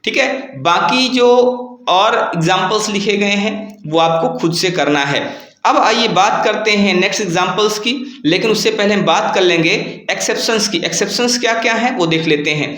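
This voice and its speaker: A man's voice: high voice, normal speed, fairly bright tone, echoey room. A man teaching a grammar lesson, explaining step by step and asking his students questions.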